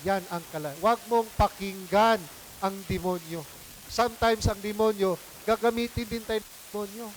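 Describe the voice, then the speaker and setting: A man's voice: high-pitched, steady tone, moderate pace. A man with a Filipino accent, a priest giving a homily in a conversational style, mixing languages and asking the congregation questions. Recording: hissy noisy recording.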